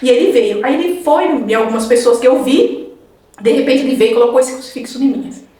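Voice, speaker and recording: A middle-aged woman, a guest telling her faith testimony in a lively way and acting out what people said. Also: high voice, fast talker. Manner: lively storyteller acting out quoted dialogue. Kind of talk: testimony in a podcast conversation. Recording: very echoey room, mic far off.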